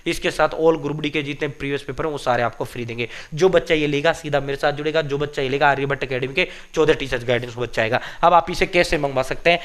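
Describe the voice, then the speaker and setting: A man speaks in a fairly high voice. He pushes his points hard and circles back to them again and again, calling out to viewers as brothers while he gives exam updates and sells study notes. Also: steady tone, fast, hardly any pauses, a bit bright. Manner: emphatic, repetitive, addresses viewers as brothers. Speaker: coaching channel host. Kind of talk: exam news and sales pitch.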